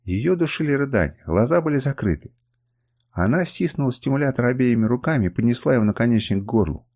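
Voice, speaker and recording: Husky man reading an adventure novel. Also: mid-range voice, animated, fast, darkish tone. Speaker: audiobook narrator. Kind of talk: first-person audiobook narration.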